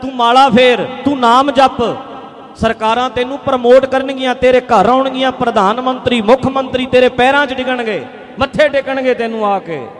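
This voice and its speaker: A man voicing a scornful man who loudly scolds a preacher in a mocking, hectoring way. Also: very high-pitched, normal speed, big-room sound.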